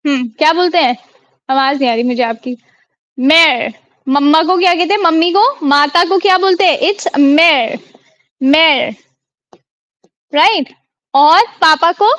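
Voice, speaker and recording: Over a video call, an Indian woman tutors a live online French class, repeating every word and quizzing her students. She speaks in a high, fairly bright voice, unhurried with long pauses, and the audio has no room sound.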